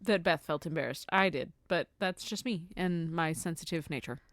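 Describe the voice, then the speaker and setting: A woman's voice: fairly low pitch, normal speed, dry recording, clean studio sound. A woman hosting a podcast, recapping in an informal, giggly, chatty way. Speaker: podcast host. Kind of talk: casual chat, recapping a talk.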